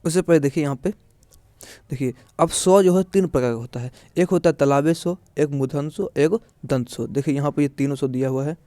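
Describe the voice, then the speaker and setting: A man teaching a classroom grammar lesson, his voice pitched a little high yet soft and warm in tone. He explains step by step, repeating himself and asking questions he then answers. The sound is dry, with no room echo. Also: brisk. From India. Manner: repetitive, explaining step by step with filler phrases.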